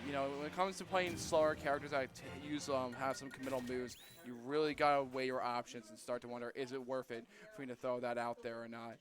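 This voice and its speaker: A man analyzes fighting game matches live as a color commentator, calm and measured as he explains the players' choices. His voice sits in a middle range, and music plays beneath the broadcast. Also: medium pitch. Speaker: esports co-commentator. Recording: music playing behind.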